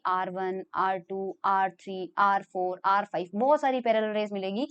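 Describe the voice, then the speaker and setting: Young lady teacher walking through a lecture step by step, english terms mixed in, crisp voice. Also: fairly high pitch, a little mellow. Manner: explains step by step, asks and answers her own questions; mixes English terms into Hindi. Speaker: physics lecturer. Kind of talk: recorded classroom lecture.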